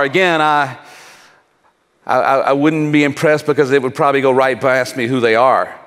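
A man preaching a sermon, asking the crowd rhetorical questions and leaving dramatic pauses. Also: fairly high pitch, a bit bright, in a large hall. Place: church hall.

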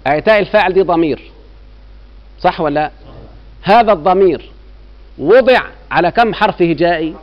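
A middle-aged man with an Egyptian Arabic accent gives a classroom grammar lecture, repeatedly quizzing students with rhetorical checks to see if they follow. His voice is high and animated, fairly quick, with long pauses. The recording is dull and lo-fi.

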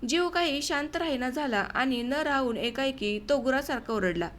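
A woman narrating an audiobook of a village short story in an expressive, measured way. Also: sits high, slight background noise.

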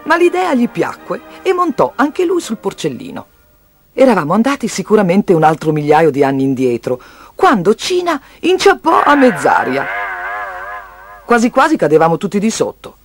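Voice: mid-range voice, big pitch swings, moderate pace, faint music behind. A storyteller reading a children's tale aloud, in a sing-song storytelling manner.

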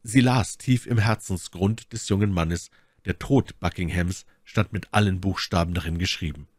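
A man reading a classic novel aloud as a narrator, with expressive, dramatic narration. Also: deep voice, moderate pace, no echo, studio quality. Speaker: audiobook narrator.

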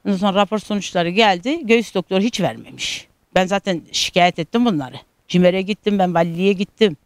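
A woman's voice: mid-range voice, lively intonation, a little fast, dry recording. A middle-aged woman from Turkey telling a news interviewer about her struggles, in an aggrieved, repetitive storytelling manner full of reported speech. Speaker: interviewee, caregiving daughter.

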